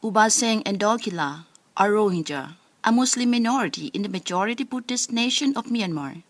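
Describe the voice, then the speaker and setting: A woman radio reporter narrating a scripted news report in a calm, even way. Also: medium pitch, brisk, no echo.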